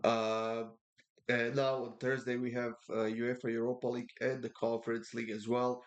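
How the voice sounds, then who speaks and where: A man congested from a cold talks through casual soccer betting picks in a medium-pitched voice with little pitch movement. As a tipster giving a preview, he halts often, saying "uh" and repeating himself. The high frequencies in the audio are cut off.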